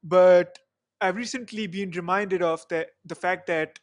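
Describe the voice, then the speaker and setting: A young man whose first language isn't English hosts a podcast over a video call from a small room at home, using a headset mic. His voice sits high and steady at a measured pace, and he chats casually through the interview with plenty of "you know" fillers.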